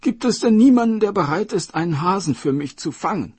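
A man's voice: mid-range voice, sing-song, unhurried, a little mellow, breathy edge, no room sound, pitched above the performer's own voice, full character voice. A man voicing a sick, desperate old dragon king who pleads and commands his court. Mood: commanding.

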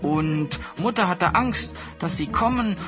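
A man's voice: high voice, expressive, slow, music in the background, pitched above the performer's own voice. A man voicing a clever, polite young boy in an eager, respectful tone. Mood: earnest.

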